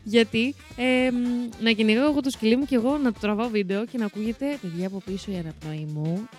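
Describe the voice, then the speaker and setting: A woman's voice: a little high, soft background music. A young woman co-hosting a casual podcast, telling a rambling story with restarts, self-corrections and frequent laughter. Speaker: podcast co-host.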